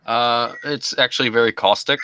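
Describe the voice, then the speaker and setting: A man on a casual livestream panel, talking in an unhurried, deadpan way. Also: medium pitch, smooth, no room sound, low-quality recording. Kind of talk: casual chat.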